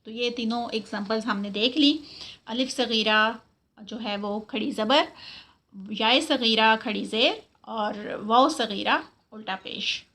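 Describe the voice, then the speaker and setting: A woman teaching Quran recitation, saying each word slowly and drawing it out, then explaining it in Urdu mixed with English terms. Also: on the high side, sharp tone. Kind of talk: slow instructional lesson, modeling each word.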